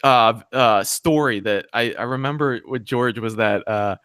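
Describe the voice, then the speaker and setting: A man's voice: mid-range voice, a little slow, fairly bright tone, smooth, dry recording. A man hosting a casual chat, hesitant and stumbling as he searches for words.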